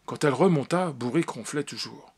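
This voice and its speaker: A man reading a novel aloud as an audiobook, with expressive narration and occasional slips. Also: mid-range voice, brisk, husky. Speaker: audiobook reader.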